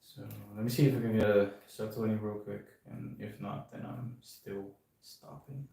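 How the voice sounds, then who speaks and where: Brief: 18-year-old guy, low gravelly voice, loose chatty livestream talk, echoey room with clicking behind. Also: normal speed. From Netherlands. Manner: relaxed, hedging with filler phrases. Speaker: streamer. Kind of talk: casual livestream chat. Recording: echoey room, far from the mic, clicking noise.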